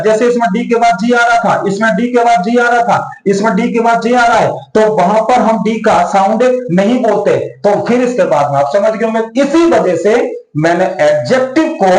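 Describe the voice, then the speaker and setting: High-voiced Hindi-speaking male teacher. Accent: Indian, Hindi-speaking. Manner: repetitive, questioning, addresses students as beta. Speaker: English teacher. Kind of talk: classroom lesson explaining pronunciation. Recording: echoey room.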